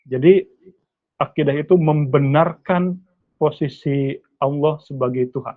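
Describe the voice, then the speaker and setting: A man's voice: a little high, a little slow. A male Islamic studies teacher on a video call with choppy, breaking-up audio, lecturing by asking and answering his own questions. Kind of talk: online class lecture. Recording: tinny video-call line.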